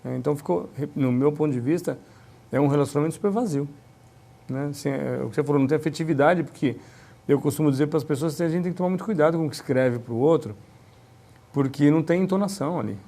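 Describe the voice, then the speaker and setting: A man with a mellow, somewhat higher voice. He talks in an animated, chatty way, acting out little dialogues and checking in with tag questions. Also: quick pace. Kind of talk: casual conversation.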